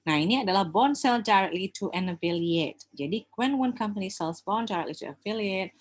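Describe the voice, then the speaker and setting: This accounting lecturer, a woman with an Indonesian accent, speaks at a normal pace in an expressive, mid-range voice. Her informal lecture has a conversational feel, and she often checks that her audience understands by adding tag questions.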